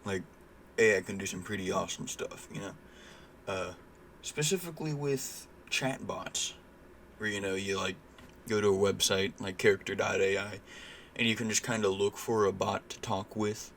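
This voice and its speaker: A man's voice: fairly low pitch, fairly even intonation, moderate pace, fairly bright tone, a little hiss or hum. A young man ranting casually and indignantly in a vlog, swearing freely and using lots of fillers. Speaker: vlogger.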